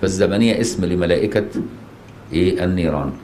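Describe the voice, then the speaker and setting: An Egyptian-accented man teaches a religious lesson in plain colloquial speech, pausing to ask his listeners questions and check they follow. His voice sits on the low side. The recording rings with the echo of a mosque, with faint noise underneath. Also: warm tone. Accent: Egyptian Arabic.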